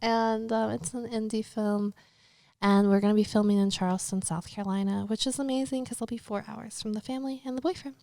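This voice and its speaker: A woman's voice: on the high side, steady tone, brisk, gravelly, warm tone, no echo, clean studio sound. A woman who is a guest on a casual interview podcast, chatty and profane, and she laughs easily.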